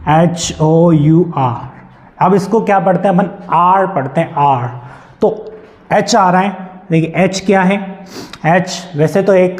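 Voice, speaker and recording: A young male teacher with a Hindi accent explains a grammar point in a high, mellow voice. He asks the class a question again and again, then answers it himself. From India. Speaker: English teacher.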